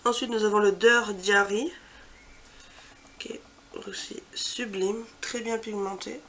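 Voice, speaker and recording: A woman vlogger chatting casually through a makeup swatch walkthrough. She gushes with repeated superlatives and trails off into soft, quiet asides. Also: mid-range voice, fairly even intonation, takes it slowly, slight background noise. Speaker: beauty vlogger.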